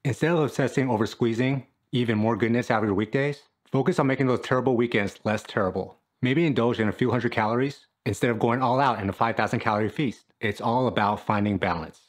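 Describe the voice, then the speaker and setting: A man's voice: medium pitch, fast, hardly any pauses. A man in his thirties, a fitness coach, giving an upbeat, jokey scripted talk to camera in a small room at home.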